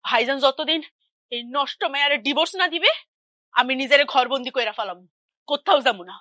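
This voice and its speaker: An actress playing a spiteful young sister-in-law who complains dramatically. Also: female voice, high voice, brisk, pushed and bright, dry recording. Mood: outraged. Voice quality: whiny, dramatic.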